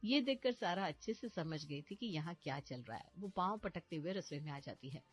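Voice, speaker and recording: A woman's voice: fairly low pitch, animated, brisk, husky. A woman narrating a storybook family drama, with background music. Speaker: narrator voicing several characters. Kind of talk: storybook narration with acted dialogue.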